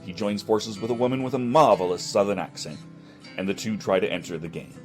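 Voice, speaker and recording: A man on a movie podcast reads a plot summary in a dry, joking tone. His voice is low, and faint music plays underneath him. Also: fairly even intonation, a little fast. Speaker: podcast co-host. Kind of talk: reading a film synopsis.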